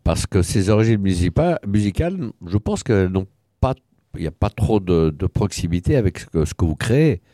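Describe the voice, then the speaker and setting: A man with a low but very lively voice asks a guest questions, repeating words as he searches for the phrase. He is recorded dry and close. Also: fairly quick, no room sound. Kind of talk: radio interview.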